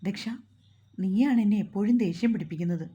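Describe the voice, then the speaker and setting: A woman storyteller voicing a stern, short-tempered young husband who scolds and gives orders in a gruff way. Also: medium pitch, fairly quick, warm tone, muffled recording, natural voice.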